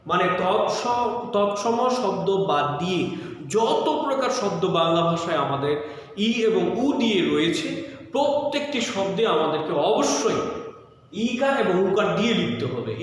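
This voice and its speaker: A male teacher giving a slow lecture on spelling rules, repeating key words as he explains. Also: high voice, a little hiss or hum. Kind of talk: classroom lecture. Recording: very echoey room with long reverb.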